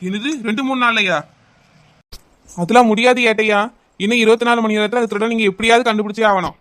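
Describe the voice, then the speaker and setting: Guy voicing a cranky cartoon police inspector, quick highish voice, bossy. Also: fairly even intonation, fairly bright tone. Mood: annoyed scolding. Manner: brisk, scolding. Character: gruff impatient male police inspector. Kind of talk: cartoon voice acting.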